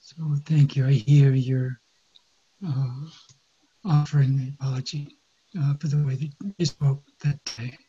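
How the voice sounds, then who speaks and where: A man acting as a mediator, calmly paraphrasing what each side says, with many pauses and fillers, on a dull lo-fi recording. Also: mid-range voice, husky. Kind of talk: guided mediation dialogue.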